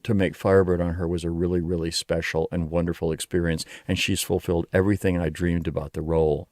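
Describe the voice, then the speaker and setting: Very deep-voiced man in a dry studio. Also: flat delivery, fast, darkish tone, no room sound. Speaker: ballet artistic director and choreographer, interview guest. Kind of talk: reflective interview talk.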